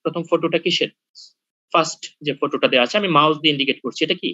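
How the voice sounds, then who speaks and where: Guy teaching a lab class on a video call, talks fast, kinda dull dry audio, keeps asking if everyone gets it. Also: fairly high pitch, sharp tone, no room sound. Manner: patient, repeats "ঠিক আছে?" to check in with students; hesitant with frequent fillers. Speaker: lab lecturer. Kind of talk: online lecture over Zoom. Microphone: computer mic on a video call.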